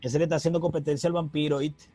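A man co-hosting a casual chat, talking in a relaxed, slangy way and laughing easily. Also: fairly high pitch, racing, soft background music. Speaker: podcast co-host.

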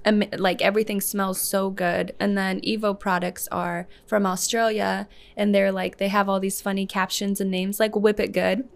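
A woman's voice: mid-range voice, flat delivery, normal speed, creaky, hardly any pauses. Chatty laughing woman stylist. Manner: chatty, laughs often, many "like" fillers. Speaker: hairstylist and salon owner, guest. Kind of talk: casual podcast conversation.

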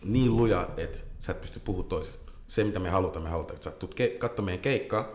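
Low-voiced man in an echoey room. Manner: loose, animated storytelling with English slang. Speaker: band vocalist. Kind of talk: casual interview chat.

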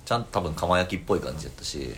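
Low, fast-talking Kansai man chatting. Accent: Kansai Japanese. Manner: animated agreement with rapid repeated words. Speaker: podcast co-host. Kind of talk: casual chat over drinks. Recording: clear background noise.

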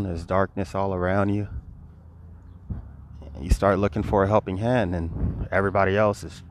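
Male, low register, earnest repetitive spiritual talk, recorded outdoors. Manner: earnest, preachy, repeats phrases. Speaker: vlogger. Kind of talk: spiritual monologue. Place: outdoors by a road. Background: passing cars and wind.

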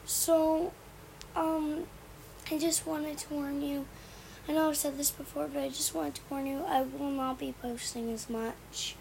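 High-pitched young female rambler over fan noise. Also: little pitch movement, measured pace, vocal fry, low-quality recording. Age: young, school-age. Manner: hesitant, trails off and corrects herself. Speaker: podcast host. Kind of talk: casual rambling chat. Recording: loud fan noise behind voice. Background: fan hum.

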